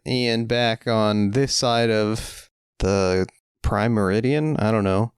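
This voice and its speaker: Slow and smooth, this man's lowish voice comes through clean studio sound with no echo. He's co-hosting a podcast, joking around in casual conversation and riffing on rambling tangents.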